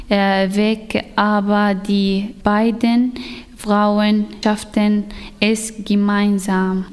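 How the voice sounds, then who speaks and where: A woman from Syria, a German learner, reading a short story aloud with hesitant pauses and restarts. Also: medium pitch, a little mellow, smooth, long reverb tail. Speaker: language course participant.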